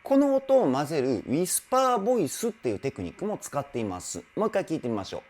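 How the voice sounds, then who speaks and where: This is an enthusiastic vocal coach reviewing a performance, and the pitch leaps wildly between excited exclamations and calm explanation. Between clear breakdowns of singing technique, the coach keeps bursting into admiration. Faint music plays underneath. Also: quick pace. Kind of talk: reaction video with vocal analysis. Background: faint music from the video being reviewed.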